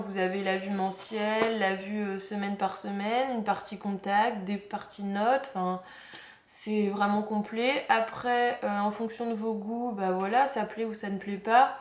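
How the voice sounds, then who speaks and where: A young woman chatting casually through a planner unboxing, fond of the cute details and saying "hop" as she turns each page. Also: mid-range voice. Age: young adult. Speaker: planner vlogger. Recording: echoey room with faint noise.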